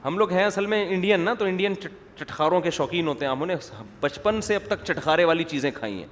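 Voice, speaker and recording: A man's voice: high-pitched, lively intonation. A man preaching in a humorous religious lecture, wandering off the topic and acting out quotes. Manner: digressive, joking, acts out quotes. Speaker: Islamic preacher. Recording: reverberant hall, faint background noise.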